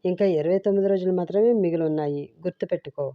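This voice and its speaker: A woman's voice: on the low side, quick pace, dry recording, natural voice. A woman voicing an irritable young husband who snaps and scolds, in a dull, dry recording. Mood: dismissive. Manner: gruff, scolding.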